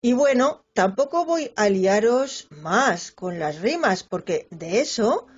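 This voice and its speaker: A woman with a Spanish accent teaching a poetry lesson to children, drawing out the example words in a slow, lilting voice. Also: medium pitch, lively intonation, husky. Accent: Spanish from Spain. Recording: dull lo-fi sound with faint music.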